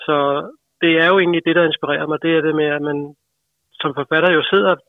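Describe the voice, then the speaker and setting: A man, an author, answers casually and hesitantly with many fillers, in a fairly high, gravelly voice. The sound comes dry and tinny, as over a phone line. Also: fairly even intonation, dry recording.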